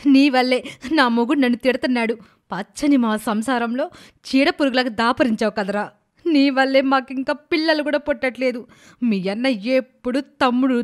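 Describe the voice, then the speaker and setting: A woman's voice: sits high, natural voice. A woman voicing a cruel, shrewish young village wife in a cartoon story, scolding harshly.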